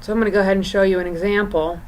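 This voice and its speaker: A woman college design instructor giving an informal recorded lesson and screen walk-through, explaining in a halting, drawn-out way. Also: medium pitch, fairly even intonation, a little mellow, poor audio. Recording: clear background room noise.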